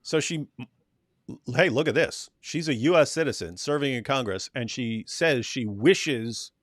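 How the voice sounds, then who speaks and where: A man talks over video clips in loose, mocking commentary, sarcastic and incredulous. His voice sits in an ordinary middle pitch. The sound is dry and close, with no room behind it. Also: expressive, measured pace, fairly bright tone, no room sound. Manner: sarcastic, mocking, interrupts with his own translations.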